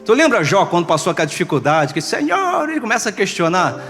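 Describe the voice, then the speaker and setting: Male pastor from Brazil, high animated voice, playful sermon delivery, echoing sanctuary. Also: fast, faint music behind. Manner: lively, joking, acts out voices of complainers. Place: church sanctuary.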